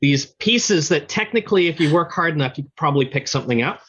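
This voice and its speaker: A man speaking as an interview guest, explaining his software product in a conversational, explanatory way. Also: fairly high pitch, lively intonation, fast talker, husky, muffled recording.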